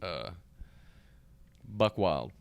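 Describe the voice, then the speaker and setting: A middle-aged man in casual podcast chat, telling stories with animated quoted voices. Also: low-pitched, drawn-out words, vocal fry, dry recording, lo-fi sound. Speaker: podcast co-host.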